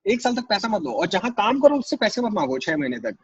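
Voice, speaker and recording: A man with a high-pitched voice talks quickly, his pitch swinging widely, on dull audio with a little hiss or hum. He's an assistant director appearing as a guest in a casual interview, telling stories animatedly, acting out quotes and cracking crude jokes.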